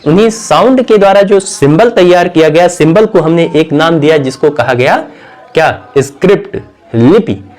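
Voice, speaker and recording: A man teaching a grammar lesson who keeps asking questions and answering them himself, repeating key words, and now and then clearing his throat. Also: a little high, expressive, moderate pace, a little mellow, faint music behind.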